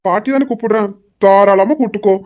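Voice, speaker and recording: A woman's voice: medium pitch, lo-fi sound, close to an everyday voice. A woman voicing a young husband who teases his wife and insists on going along with her. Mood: teasing. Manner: mock-sweet teasing, drawn-out pleading. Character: young husband, teasing and stubborn.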